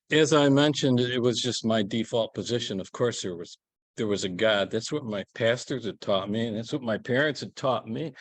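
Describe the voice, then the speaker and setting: An older man with a mid-range voice speaks on a panel as a former minister, rambling and poking fun at himself. The panel discussion takes place in an event hall, though the recording carries no room sound.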